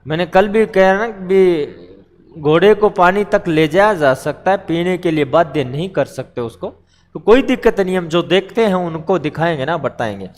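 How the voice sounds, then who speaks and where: A man's voice: high voice, expressive, normal speed. A man teaching Hindi grammar in a live online class, explaining patiently step by step and answering his own questions. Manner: patient, explains step by step, calls students beta; repeats questions and answers them himself. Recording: long echo of a reverberant room.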